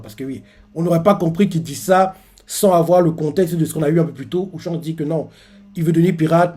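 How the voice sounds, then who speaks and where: A man's voice: fairly high pitch, dark tone, husky. A man recapping and reacting to a manga chapter in a rambling, casual way. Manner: rambling, full of fillers like "en gros" and "quoi".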